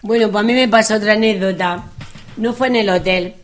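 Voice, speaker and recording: A middle-aged woman, telling funny travel anecdotes in casual chat, animated and chatty. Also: mid-range voice, fairly quick. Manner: lively, animated anecdotes with acted quotes. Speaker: guest telling travel stories.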